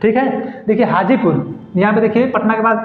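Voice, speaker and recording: High-voiced male teacher in an echoey classroom. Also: brisk. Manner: explains patiently, constantly checks with "ठीक है". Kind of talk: classroom geography lesson. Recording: echoey room, tinny phone-like sound.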